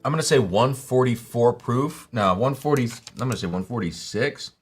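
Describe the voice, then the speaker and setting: A man's voice: mid-range voice, animated, moderate pace, husky, faint music behind. A man hosting a live whiskey tasting stream, exclaiming, swearing freely and thinking aloud as he tastes.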